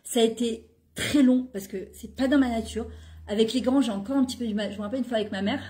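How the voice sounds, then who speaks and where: A middle-aged woman who weaves into her talk. She tells personal stories in a lively way and acts out the dialogue. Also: a little high, fast. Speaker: guest speaker on women's talk show. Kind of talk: animated personal storytelling.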